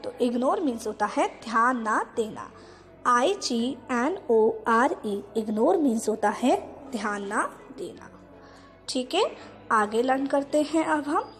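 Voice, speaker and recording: A woman teacher with a high voice leads children through English verbs. She says each word and its meaning again and again, spells them out slowly, and asks questions before answering them. The recording has a lingering reverb and soft music underneath. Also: animated. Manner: spells words out letter by letter slowly; addresses the class as children. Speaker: school teacher. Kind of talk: vocabulary lesson for children.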